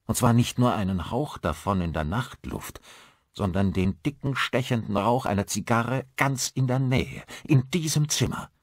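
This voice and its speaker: A man's voice: medium pitch, animated, moderate pace, dry recording, studio quality. A man narrating a horror audiobook in a dramatic, suspenseful storytelling manner. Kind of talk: scripted narration.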